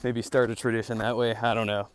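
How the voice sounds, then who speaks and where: A man with a medium-pitched voice vlogs outdoors on a trail. He talks casually and reflectively, thinking aloud as he rambles along. There is faint background noise with some clicks. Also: flat delivery, quick pace. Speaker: vlogger and boot reviewer. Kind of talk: casual rambling vlog talk. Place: outdoors on a mountain hiking trail.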